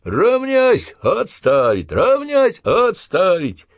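A man's voice: fairly high pitch, sing-song, measured pace, no echo, studio quality, voice pushed up, exaggerated voice. A man voicing a harsh, scornful army drill sergeant who barks crude commands at recruits. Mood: barking orders. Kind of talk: audiobook character voice.

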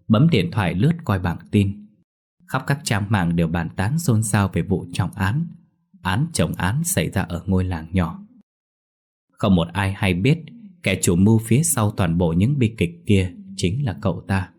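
Low-voiced male storyteller for an audio horror tale, steady and measured, faint music bed. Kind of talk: scripted horror story narration.

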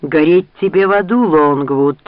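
A man doing a stout, ruthless duke in a storybook reading, his threats hissed and hateful. The voice rides a bit high, and the recording is dry and dull. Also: moderate pace, dry recording, close to an everyday voice. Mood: hissing. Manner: threatening, hissing.

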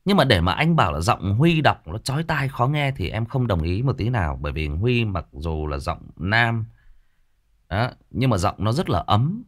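An audiobook narrator from Northern Vietnam responds unscripted and directly to a listener's comment. He sounds defensive and repetitive, with lively pitch, a moderate pace, and many fillers and restarts.

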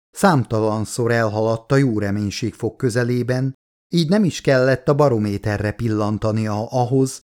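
A male audiobook narrator carries the story in a steady, measured read. His voice sits at an ordinary middle pitch with no flourish. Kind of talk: scripted narration of a novel.

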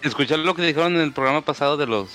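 A man's voice: fairly high pitch, racing, pushed and bright, soft background music. A man on a casual podcast, giving long enthusiastic explanations full of fillers. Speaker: podcast co-host. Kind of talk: casual chat.

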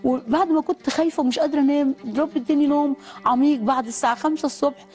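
A woman's voice: high-pitched, racing, darkish tone, faint music behind. A woman with an Egyptian accent telling a fervent, prayerful personal testimony. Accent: Egyptian Arabic. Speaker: guest giving testimony.

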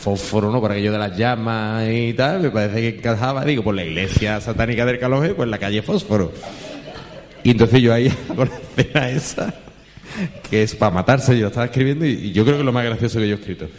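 A man's voice: medium pitch, fast talker, a little hiss or hum. A man, a journalist and humor writer, telling funny anecdotes and acting out the people in them with changed voices. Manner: acts out the people in his stories with changed voices. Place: talk event in a hall. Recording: reverberant hall sound.

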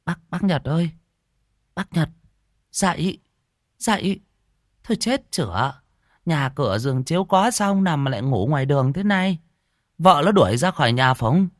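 A man voicing a loud, stout village market woman who shrieks her calls in a shrill voice. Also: animated, moderate pace, long pauses, no room sound, clean studio sound, lightly acted. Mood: scolding. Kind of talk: audiobook character voice.

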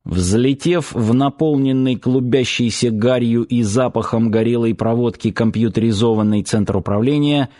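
A man's voice: mid-range voice, darkish tone. Man narrating an audiobook. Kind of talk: scripted narration.

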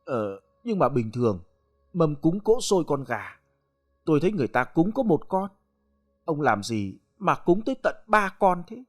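A man's voice: a little high, sing-song, normal speed, faint music behind. A man voicing a rich man's wife who asks fussy, doubtful questions. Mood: questioning. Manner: querulous.

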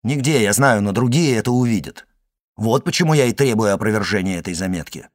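A proud young aristocrat, voiced by a man, firm and clipped, pressing his demand. The voice sits fairly low with lively swings of pitch, storybook style. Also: fairly quick, natural voice. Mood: indignant. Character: young nobleman, proud, indignant, insistent.

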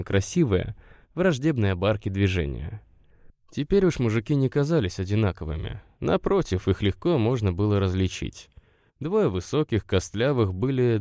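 A man narrating a literary story with a measured, expressive reading. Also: on the low side, no echo, clean studio sound.

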